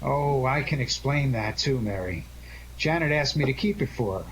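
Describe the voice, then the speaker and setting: Voicing a fast-thinking, wisecracking amateur detective in a 1940s-style radio drama, a man placates the others with glib charm. His medium-pitched delivery is expressive, normal in speed and lightly acted, though the audio is poor, with a little hiss or hum.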